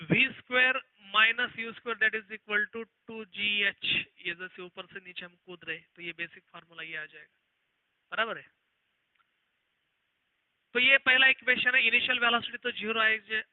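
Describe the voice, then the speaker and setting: High-voiced man teaching physics, tinny audio. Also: no echo. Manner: reads question slowly word by word, then explains quickly. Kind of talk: online exam-prep lesson.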